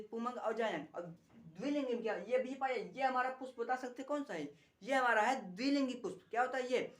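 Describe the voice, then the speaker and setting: A woman teaching a biology lesson, repeating key terms and asking rhetorical questions as she explains a diagram. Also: fairly high pitch. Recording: echoey room.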